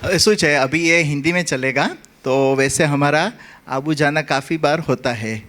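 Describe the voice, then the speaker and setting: A man with a Gujarati accent telling humorous anecdotes to an audience, acting out the characters' lines with lively energy. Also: fairly high pitch, moderate pace. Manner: animated storyteller acting out the characters. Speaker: comic speaker at a spiritual gathering.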